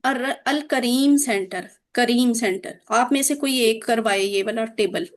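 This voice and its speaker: Female teacher on a video link: slow, patient drilling, slightly high voice. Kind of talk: online Arabic grammar lesson.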